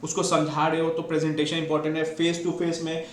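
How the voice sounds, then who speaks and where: A man's voice: on the high side, completely flat delivery, quick pace. A man teaching an exam-prep lecture, mixing Hindi and English and asking and answering his own questions. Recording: echoey room with faint noise.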